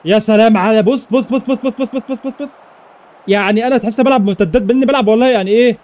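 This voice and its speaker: Young Egyptian gaming YouTuber, male, high and very fast, excitable running commentary with repeated shouts. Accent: Egyptian Arabic. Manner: excitable, repeats exclamations rapidly. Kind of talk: live gameplay commentary.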